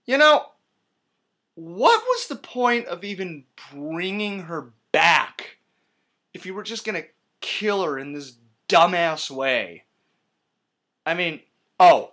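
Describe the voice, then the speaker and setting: A man's voice: a little high, pushed and bright. A young man giving a profane, scornful movie-review rant, shifting between mutters and outbursts. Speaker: vlogger.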